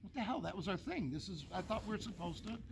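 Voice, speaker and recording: A puzzled, anxious pet dog wonders what it did wrong, as a man puts on its inner voice. The voice sits fairly high, with a gravelly edge. Steady noise runs behind it outdoors. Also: quick pace. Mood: confused. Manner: bewildered, plaintive.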